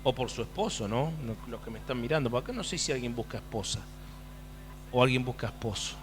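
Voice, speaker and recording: A man preaching a sermon, asking the congregation question after question in an animated way. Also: medium pitch, fast, background noise. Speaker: pastor. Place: church hall. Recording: church hall with long reverb.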